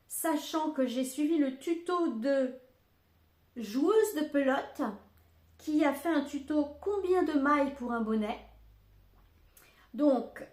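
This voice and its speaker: Older woman, craft host, casual rambling chat, slightly high pitch, roomy echo. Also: darkish tone. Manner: chatty, rambling, with many fillers and asides. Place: home room. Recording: echoey room.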